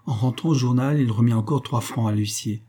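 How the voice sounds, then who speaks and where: A man narrating a classic novel aloud in a measured, expressive reading. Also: mid-range voice. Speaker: reader of a novel. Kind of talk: literary audiobook narration.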